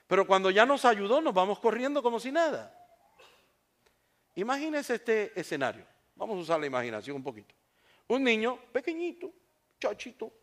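Animated high-pitched male preacher. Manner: animated, storytelling, rising to emphatic peaks. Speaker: pastor. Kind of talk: sermon.

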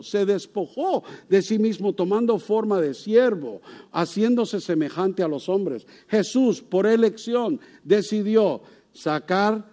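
A man's voice: high-pitched, dark tone. A male pastor preaching a sermon in a conversational way, asking the congregation rhetorical questions.

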